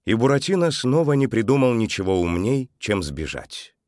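A man narrating a children's story expressively, his voice softening at the sad moments. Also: mid-range voice, sing-song, moderate pace, no echo, studio quality.

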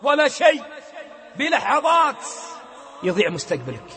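A man telling a story in a fervent sermon, moving between hushed and loud delivery, recorded with long reverb. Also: very high voice, huge pitch swings, normal speed. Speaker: preacher.

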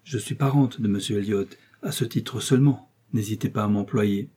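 Un homme qui fait parler une jeune femme réservée et douce mais ferme, dans un livre audio. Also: male voice, fairly low pitch, moderate pace, dark tone, husky. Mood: earnest, reserved. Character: reserved young woman, gentle, quietly firm.

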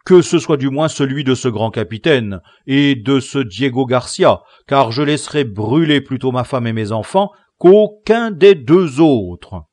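A man's voice: mid-range voice, lively intonation, measured pace, few pauses, a little mellow, no echo, voice pushed up, close to an everyday voice. An indignant muddled innkeeper, read by a man.

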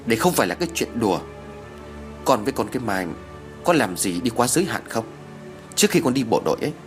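A man's voice: medium pitch, very animated, fast talker, soft background music, close to an everyday voice. A man playing a stern village father. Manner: firm, lecturing.

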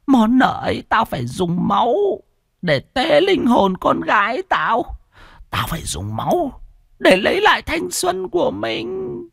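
Guy putting on a bitter old village woman, raised gravelly voice, hisses then whispers, dry sound. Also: very high-pitched, huge pitch swings, unhurried, a bit bright, dry recording, full character voice. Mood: bitter, vengeful. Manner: bitter, hissing, swings into whispers.

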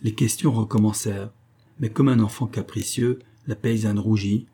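A man reading a classic novel aloud as an audiobook narrator, in a measured, even-paced manner. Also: fairly low pitch, husky.

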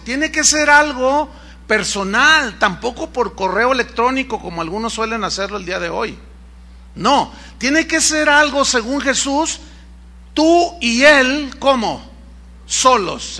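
A middle-aged man preaches with a high, bright, ringing voice. He is an emphatic pastor who drives each point home and slips into quoted voices of his flock to make his case. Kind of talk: sermon.

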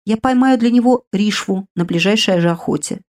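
A woman's voice: medium pitch, fairly quick, darkish tone, pitched above the performer's own voice, close to an everyday voice. A woman voicing a good-natured, firm young man who is a bear shifter.

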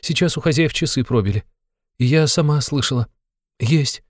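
A man's voice: mid-range voice, normal speed, no room sound, clean studio sound, voice pushed up, natural voice. A man voicing a frightened, timid young woman who speaks in a plaintive, trembling way.

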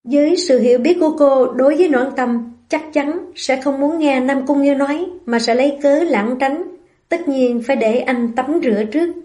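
A woman narrating a novel aloud in an even, storytelling manner. Her voice is mellow and soft-edged and sits a little high. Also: normal speed. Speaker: audiobook narrator.

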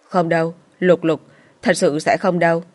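A woman voicing a devoted young man in a storybook, tender and flustered, close to her own lowish voice. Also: level tone, normal speed, darkish tone, lightly acted.

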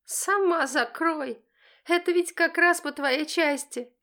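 A woman voicing a shrill, mocking teenage girl. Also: slow, fairly bright tone, full character voice. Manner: sarcastic, shrill and defiant. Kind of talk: audiobook character voice.

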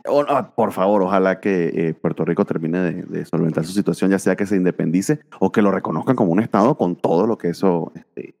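A man's voice: low-pitched, fairly quick, vocal fry, hardly any pauses, a little mellow, in a large hall. A man co-hosting a casual podcast about comic books, rambling with many fillers. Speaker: podcast co-host.

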